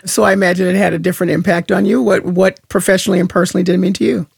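A woman's voice: on the low side, fairly even intonation, rapid-fire, vocal fry, slightly rough, no room sound, studio quality. A woman interviewing guests in a conversational, questioning manner. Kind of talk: broadcast interview.

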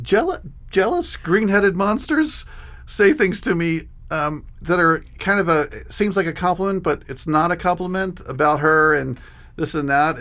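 A man's voice: on the high side, fairly bright tone. A man in his sixties speaking casually as an interview guest, sharing recollections. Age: 60s.

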